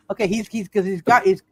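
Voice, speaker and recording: A man acting as game master narrates a tabletop game, improvising haltingly and repeating himself. His voice sits high, and the recording is dry.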